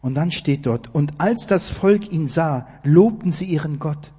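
A man preaching a sermon, emphatic and direct, asking his listeners questions and building to loud climaxes. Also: fairly high pitch, animated, unhurried, husky, long reverb tail. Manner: emphatic, rising to near-shouting climaxes.

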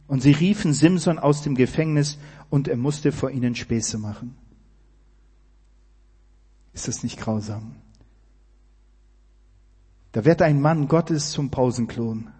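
A man preaching a sermon, emphatic and direct, asking his listeners questions and building to loud climaxes. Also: medium pitch, slow pace, long pauses, breathy edge, big-room sound. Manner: emphatic, rising to near-shouting climaxes.

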